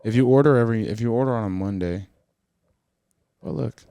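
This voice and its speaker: A man's voice: medium pitch, brisk, creaky, dark tone, no echo. A young man co-hosting a podcast, easygoing and profane in casual banter. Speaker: podcast co-host. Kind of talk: casual chat.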